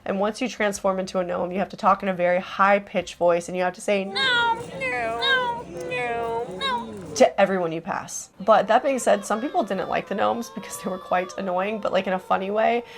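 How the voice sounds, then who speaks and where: A woman's voice: medium pitch, fairly even intonation, quick pace, creaky, few pauses, background noise. A young adult woman narrating a casual vlog in a chatty, enthusiastic way, with lots of "like". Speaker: vlogger host.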